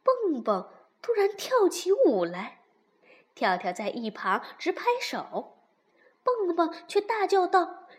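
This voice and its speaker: Woman, storyteller, children's story, animated, slow. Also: high voice. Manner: lively, expressive and unhurried.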